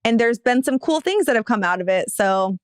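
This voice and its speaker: Young american woman cohosting a podcast, bubbly and gushy, smooth clear voice, kinda high. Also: animated, normal speed, no room sound, studio quality. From United States. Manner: bubbly, gushing, many "like" fillers. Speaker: podcast co-host. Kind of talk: casual chat.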